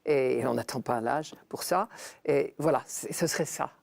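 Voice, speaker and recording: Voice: mid-range voice, normal speed, gravelly, darkish tone, no room sound. An older speaker, a guest in a spiritual radio discussion, talking in short, optimistic phrases.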